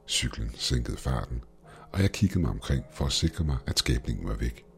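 A man's voice: rumbling low, a little mellow. A man narrating a first-person horror story in a tense, scripted storytelling manner. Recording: faint background music.

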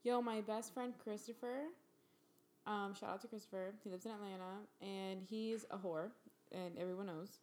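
A woman's voice: medium pitch, fairly even intonation, moderate pace, a little mellow, slight background noise. A woman hosting a casual chat, blunt and teasing in a chatty way. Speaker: host.

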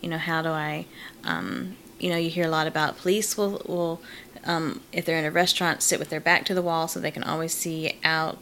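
A middle-aged woman with a notably low voice talks through her experiences as a therapist. She speaks in a relaxed, reflective way, pausing with small fillers as she goes. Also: slight background noise. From Malawi. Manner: reflective, frequent ums and laughs. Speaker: therapist in private practice. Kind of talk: casual interview conversation.

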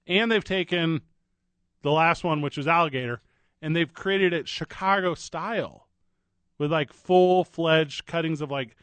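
A man's voice: fairly high pitch, unhurried, fairly bright tone, smooth, dry recording. A man from St. Louis co-hosting a radio show, chatting casually in a playful, rambling, slangy way. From St. Louis, USA. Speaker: radio co-host.

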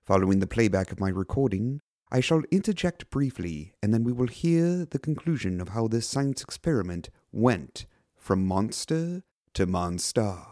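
An actor playing a pompous, eager horror podcast host with theatrical, formal phrasing in a scripted audio drama. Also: male voice, lowish voice, big pitch swings, moderate pace, dark tone. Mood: theatrically sinister.

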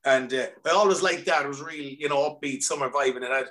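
A man's voice: medium pitch, fast, pushed and bright. A man with a west of Ireland accent chatting casually in an upbeat, rambling way as a musician guest. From County Mayo, west of Ireland. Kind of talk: casual chat. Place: remote video call.

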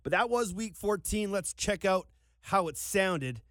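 Male sports show host, slightly high voice, conversational recap, close dry sound. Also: lively intonation, a little slow, a bit bright, dry recording.

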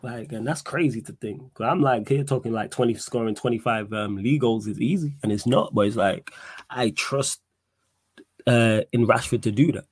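A man's voice: mid-range voice, moderate pace, a little mellow, slightly rough. A man with a London roadman accent hosting a casual football fan livestream, talking in street slang and repeating himself for emphasis. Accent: London, urban slang. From United Kingdom. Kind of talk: casual live sports chat.

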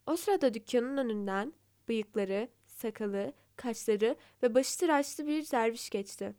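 A woman narrating fables in a calm, measured way. Her voice is high and smooth. The recording is close and dry. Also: dry recording. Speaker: storyteller.

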